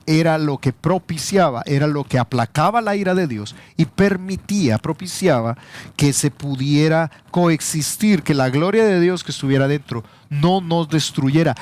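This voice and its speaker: A man's voice: on the high side, darkish tone. Salvadoran pastor man preaching, explaining scripture, voice shoots up on quotes. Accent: Salvadoran Spanish. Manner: teaching, rising sharply when quoting scripture. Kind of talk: sermon.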